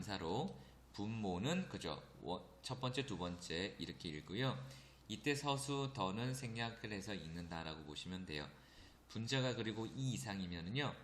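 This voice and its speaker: A man teaching an English grammar lecture, often checking in with his students and reading the English examples slowly. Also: fairly low pitch, a bit bright. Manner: addresses students often, frequent "그죠?" check-ins. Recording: echoey room with faint noise.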